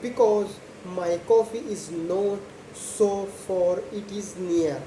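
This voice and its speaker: A young woman, not a native English speaker, talking very slowly and deliberately in short simple phrases as a practice monologue for learners. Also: mid-range voice, mellow. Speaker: host of a slow English speaking practice video. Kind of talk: slow spoken monologue about a daily routine for English learners. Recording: echoey room with faint background noise.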